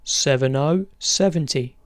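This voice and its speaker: Slow, dry-sounding bingo caller. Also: medium pitch, dry recording. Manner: measured, repeats each number in set phrases. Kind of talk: bingo calling, formulaic number announcements.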